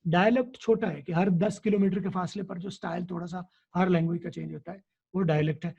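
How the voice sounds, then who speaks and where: A man talks like a teacher, repeating key words so they stick. His voice is high for a man yet mellow and husky. The recording sounds dull and lo-fi. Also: fairly even intonation, fairly quick. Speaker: English teacher. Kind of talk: explanatory interview answers.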